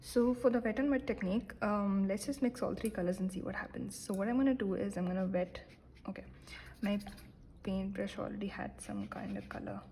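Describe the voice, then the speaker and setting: Mellow-voiced woman teaching painting. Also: medium pitch, brisk, a little hiss or hum, poor audio. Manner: relaxed, self-deprecating, many fillers, drops into soft whispered asides. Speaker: art teacher. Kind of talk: casual painting tutorial.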